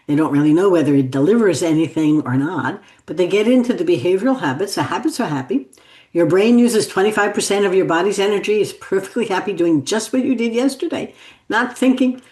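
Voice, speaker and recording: A woman's voice: mid-range voice, expressive, a little fast, darkish tone. Enthusiastic woman host in an echoey room. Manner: enthusiastic, affirming. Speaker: podcast host. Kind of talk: podcast interview. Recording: roomy echo.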